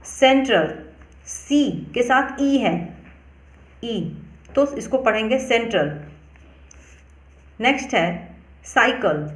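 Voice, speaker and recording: A woman teacher walks through pronunciation rules at a measured pace, stopping to spell each word out letter by letter. Her voice sits a little high. The room around her gives it a noticeable echo. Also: lively intonation. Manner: slow, deliberate, spells words out letter by letter. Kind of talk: explanatory lesson.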